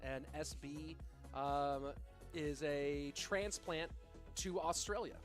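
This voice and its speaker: Man, fairly high voice, esports caster, live stream commentary, chatty then play-by-play, faint music behind. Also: takes it slowly. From California. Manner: chatty, reads viewer questions, then builds into play-by-play.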